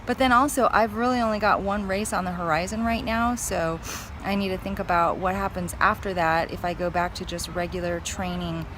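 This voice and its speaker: A fitness vlogger chats casually to her viewers on camera, musing aloud in a hesitant way. Her voice sits on the low side, with fairly even intonation and a brisk pace. Vehicle and outdoor noise come through clearly in the recording.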